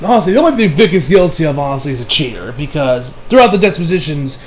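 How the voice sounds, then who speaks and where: A man's voice: fairly high pitch, big pitch swings, fast talker, low-quality recording. A young man giving casual, rambling commentary, full of fillers and casual swearing. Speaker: online commentator.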